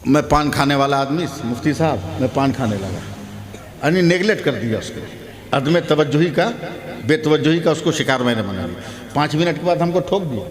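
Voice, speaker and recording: Animated preacher man in echoing hall. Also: fairly high pitch, a little fast. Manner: animated storyteller, acting out dialogue and rising to shouts. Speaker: Islamic preacher. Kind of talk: humorous sermon with storytelling. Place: large hall at a public gathering. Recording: long hall reverb with loud crowd.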